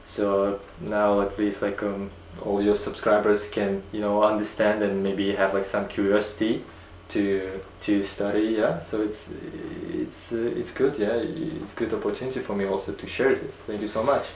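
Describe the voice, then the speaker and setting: A man's voice: on the low side, little pitch movement, moderate pace, a little mellow, a little hiss or hum. A young man from Uzbekistan answering interview questions hesitantly, with many fillers and restarts. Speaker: guest. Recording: echoey room.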